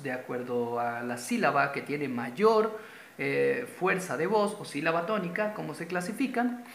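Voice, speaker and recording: Man, grammar teacher, slow patient delivery with repeated terms, echoey room. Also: on the high side, gravelly, a bit bright, a little hiss or hum. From Venezuela. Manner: patient, repeats key terms, points at a board. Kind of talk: classroom-style grammar lesson. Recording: roomy echo.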